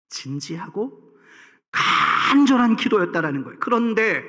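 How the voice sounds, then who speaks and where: Impassioned high-voiced pastor preaching. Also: male voice, sharp tone, long reverb tail. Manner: impassioned, emphatic preaching with rhetorical questions. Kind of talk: sermon. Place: church sanctuary.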